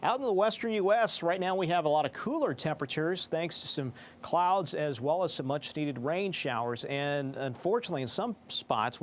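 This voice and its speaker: This is live weather commentary on television, delivered by a man with a fairly high-pitched voice. He sounds formal and explanatory, using technical broadcast phrasing, and there is a little background noise.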